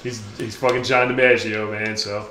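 A man's voice: fairly low pitch, flat delivery, moderate pace, bright, forceful tone, a little hiss or hum. A man from the Chicago area hosting a video game playthrough, chatting loosely with friends, swearing and laughing a lot. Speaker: let's play host. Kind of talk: casual gaming banter. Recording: roomy echo.

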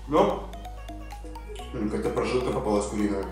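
A man's voice: fairly low pitch, normal speed, a little mellow, heavy reverb, recorded from a distance, soft background music. Man talking with his mouth full. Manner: chewing while talking, muffled. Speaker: food reviewer. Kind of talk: casual vlog review.

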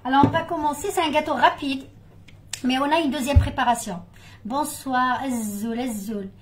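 A woman hosting a live cooking stream, chatting casually and greeting viewers one by one with warm words. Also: high voice, moderate pace, a little hiss or hum, rough recording.

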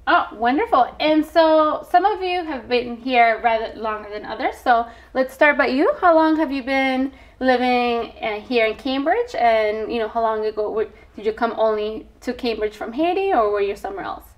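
A woman's voice: fairly high pitch, moderate pace, few pauses, dull audio. A young woman hosting a studio interview in a TV studio, friendly and encouraging, with short acknowledgements. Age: young adult. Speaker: host.

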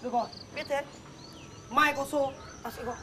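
A man's voice: very high voice, steady tone, a little fast, noisy background. An actor playing a boastful young village man who leads a hired mourning troupe, speaking brashly.

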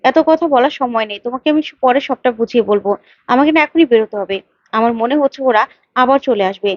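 A woman's voice: a little high, fast talker, dry recording, close to an everyday voice. A woman voicing a young man in hiding who hurriedly insists he must leave, on a dull lo-fi recording. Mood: urgent.

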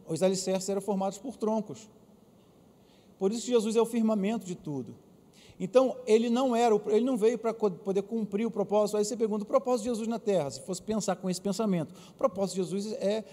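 Brazilian pastor, male, high and dark-toned, lively sermon delivery in a reverberant church hall. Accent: Brazilian Portuguese. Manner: lively preaching, asks the congregation to answer aloud. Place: church auditorium.

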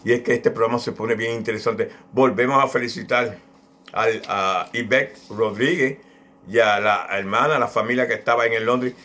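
A man's voice: mid-range voice, fairly even intonation, normal speed, sharp tone. A man hosting his own show, chatting and thanking viewers in a playful, repetitive way. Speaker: show host. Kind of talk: casual talk show monologue.

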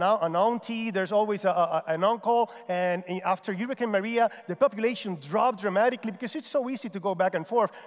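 A middle-aged man from Puerto Rico with a Puerto Rican accent, giving an animated chapel talk with stories and self-deprecating humor. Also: high-pitched. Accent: Puerto Rican Spanish. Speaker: chapel speaker. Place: large stage in an auditorium. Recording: long hall reverb.

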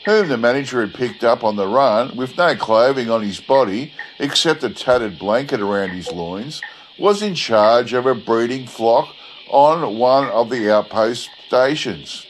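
Male narrator for literary storytelling: mid-pitched, unhurried, measured delivery. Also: expressive, a little hiss or hum, poor audio. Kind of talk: scripted narration of an old bush yarn.

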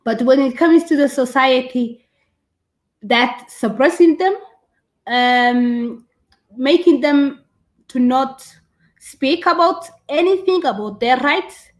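A high-pitched woman in her thirties with a Somali accent, a doctor and women's rights activist, answers as a guest interviewee on a live stream. She's on a video call from a curtained indoor room, speaking through the device mic, haltingly repeating and rephrasing herself.

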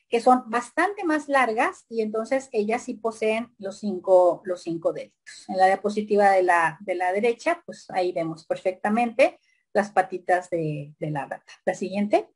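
A woman's voice: medium pitch, moderate pace, slightly rough. A woman giving a lecture over slides in a conversational way, with many fillers and tag questions.

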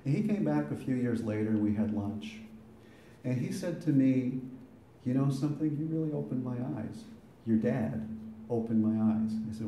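A middle-aged man tells a story at a funeral gathering. His voice is low and dark, and he talks conversationally, getting louder when he quotes a heated argument. The sound is roomy, with faint noise behind him. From Boston area. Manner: conversational, voice rising when quoting heated exchanges. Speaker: eulogy speaker. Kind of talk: storytelling eulogy. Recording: echoey room with faint ambient noise.

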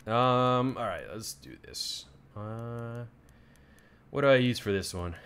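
A man's voice: medium pitch, takes it slowly, fairly bright tone, smooth. A man live streaming a shooter game, chatting casually and swearing with his viewers. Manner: laid-back, profane, chatting to viewers. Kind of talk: casual gameplay commentary.

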